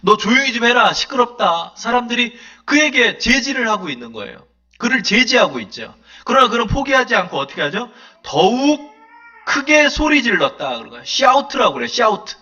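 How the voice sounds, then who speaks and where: A man's voice: extremely high pitch, big pitch swings, brisk, pushed and bright, lo-fi sound. A man preaching a sermon as pastor, fervently acting out prayers in a raised voice.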